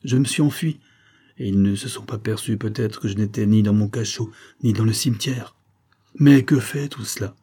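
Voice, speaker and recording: A man's voice: lowish voice, moderate pace, mellow, husky. A man voicing a grave, emotional old man who was long imprisoned. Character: old frail male former prisoner, grave.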